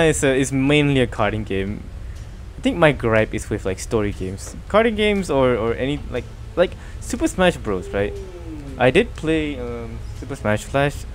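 A man's voice: mid-range voice, expressive, moderate pace, slight background noise. A man streaming a video game, chatting casually in a rambling way, stammering and laughing often. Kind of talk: casual let's-play chat.

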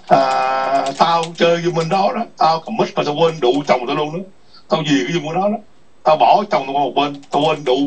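A man's voice: on the high side, slight background noise. A man ranting in an online chat room, scolding and cursing with repeated taunting questions. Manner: foul-mouthed, scolding, repetitive taunts. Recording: distant muffled lo-fi mic.

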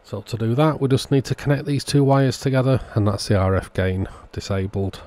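Speaking briskly in a mid-range, slightly mellow voice, a radio repair channel host walks through a hands-on fix step by step. The voice-over is informal and matter-of-fact, with a scripted feel.

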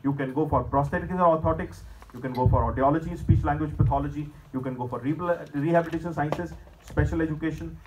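Male lecturer, middle-aged, Indian accent, slightly high voice, emphatic and measured delivery to students. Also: a little hiss or hum, low-quality recording. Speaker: presenter at a school career seminar. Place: school hall stage, indoors at a podium.

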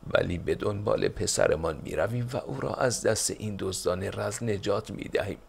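A man voicing a grieving, pleading wife and mother in a storybook reading, raised higher than his own voice. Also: gravelly, a little hiss or hum. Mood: protesting. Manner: pleading, protesting.

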